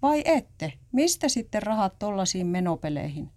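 A woman voicing a man shouting taunts from a nearby boat, in a read-aloud story. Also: medium pitch, very animated, lightly acted. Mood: taunting. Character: loud, mocking man on a boat.

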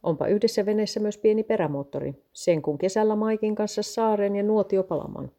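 A woman's voice: medium pitch, fairly even intonation, dark tone, lightly acted. A woman reading the lines of a cheerful male vicar in a read-aloud story, eagerly listing what his parish offers. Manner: eager, salesy, enthusiastic listing.

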